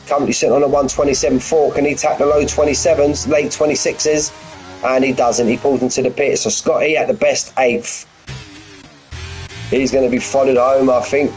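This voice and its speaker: A man's voice: medium pitch, little pitch movement, normal speed, a little mellow, faint music behind, poor audio. A man giving informal, matey live commentary on an online racing league, chatting to the drivers like mates. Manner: matey, addresses drivers as mate, lad and bud.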